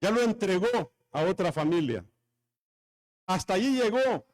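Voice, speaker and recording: A male pastor with a Honduran accent preaches in a fairly high voice. He tells homely stories and jokes and keeps asking the congregation to answer back. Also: animated, measured pace, a little mellow. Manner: jokey, storytelling, talks with the congregation. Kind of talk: sermon.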